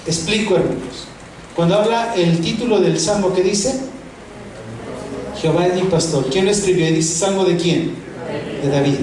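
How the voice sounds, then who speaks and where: A man preaching a Bible lesson in an animated way, asking rhetorical questions and repeating words for emphasis. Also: high voice, slight background noise. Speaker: preacher teaching a theology class. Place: large echoing church hall. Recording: very echoey hall, voice far from mic.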